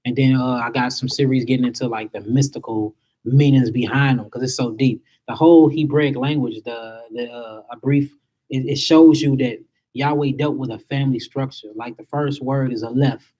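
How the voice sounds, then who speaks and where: A man's voice: medium pitch, steady tone, normal speed, warm tone. A man giving an emphatic spiritual lecture to a small group, asking his listeners rhetorical questions.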